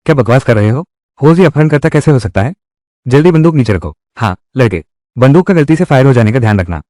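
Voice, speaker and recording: A man narrating a dubbed drama recap, speaking every part in the same voice. His pitch sits mid-range but moves up and down. The sound is dry and close, with no echo. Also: expressive, fast talker, warm tone. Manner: reads every part in one voice. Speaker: dubbing narrator. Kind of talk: Hindi drama recap dubbing.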